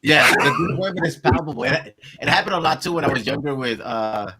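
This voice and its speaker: Over crowd noise, a Colombian man in his forties speaks fairly quickly in a fairly high, expressive voice with a Spanish-inflected accent. As a guest on a casual long-form podcast, he reflects thoughtfully and searches for words.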